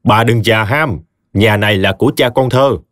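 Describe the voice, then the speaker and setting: A man's voice: on the low side, normal speed, a bit bright, no room sound, clean studio sound, natural voice. A man doing a stern scornful village chief. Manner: commanding and contemptuous.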